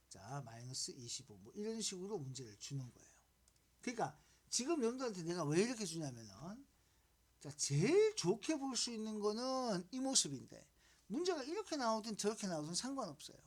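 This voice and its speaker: A woman teaching middle-school math, her voice a little husky and her pitch rising and falling a lot. She walks students through the steps, repeating herself and asking them questions. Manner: repetitive, coaxing, asks students questions. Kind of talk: classroom math lesson.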